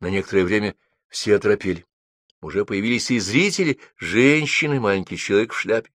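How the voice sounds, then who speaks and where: A man narrating an audiobook in a calm, measured storytelling manner. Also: on the low side, no echo, studio quality. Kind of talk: scripted narration.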